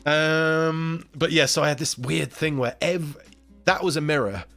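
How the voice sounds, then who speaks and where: A man's voice: on the high side, unhurried, creaky, faint music behind. A man hosting a live stream, telling a story in casual chat, acting out the voices of the people in it and laughing often. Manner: animated, acts out quoted voices, laughs often, swears.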